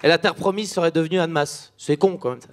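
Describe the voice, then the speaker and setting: A man's voice: on the high side, steady tone, quick pace. A man from France doing stand-up comedy, chatting straight to the audience.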